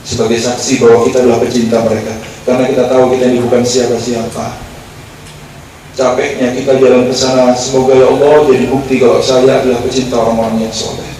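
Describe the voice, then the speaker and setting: A man's voice: medium pitch, little pitch movement, fast talker, mellow. A man preaching a sermon to a gathered crowd, urging them on and checking that they understand. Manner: exhorting, asks the crowd "paham ya?". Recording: very echoey, far from the mic, with noise.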